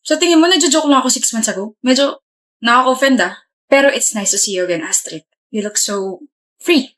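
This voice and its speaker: A woman playing a blunt, teasing young man in a comedy skit, with a deadpan manner. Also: fairly high pitch, brisk, lightly acted.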